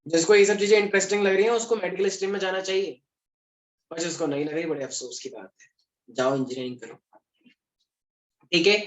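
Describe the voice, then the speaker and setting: High-pitched and a little fast, this young man from Delhi, India, lectures his class in a casual, joking manner peppered with English terms, leaving long pauses. The room echoes.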